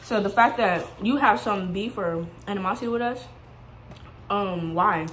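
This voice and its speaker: A young woman from San Antonio, a college sophomore, chatting in a relaxed way and chiming in with her co-host. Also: mid-range voice, normal speed, a little hiss or hum. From San Antonio, Texas. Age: young adult. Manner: relaxed, agreeable, chimes in briefly. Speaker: vlogger. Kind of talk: casual chat.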